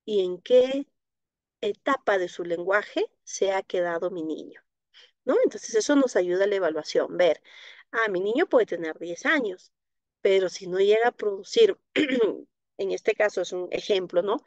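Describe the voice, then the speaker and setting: Answering viewers' questions during a live online class about children's speech, this Latin American Spanish-speaking speech therapy instructor explains things patiently, using gentle diminutives and checking in again and again with "¿no?". Her medium-pitched voice is expressive and measured, with no echo but the high frequencies cut off.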